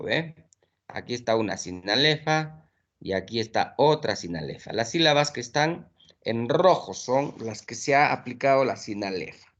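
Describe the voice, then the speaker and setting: A man's voice: mid-range voice, fairly bright tone. A man, teaching an exam-prep lesson step by step and checking in with frequent tag questions.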